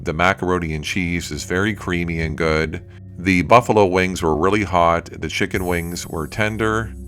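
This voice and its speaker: A man's voice: sits low, a bit bright. A man narrating a food review vlog as a voice-over in a plain-spoken, itemizing way. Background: music.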